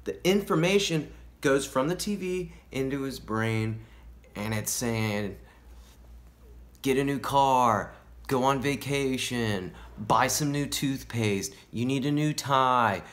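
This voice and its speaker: A man's voice: mid-range voice, slow. A man playing a rambling paranoid stoner. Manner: rambling, peppered with "dude" and "man"; drops into hushed whispered asides. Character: paranoid young male stoner, rambling conspiracy talk. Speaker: actor. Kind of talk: self-tape theatre monologue.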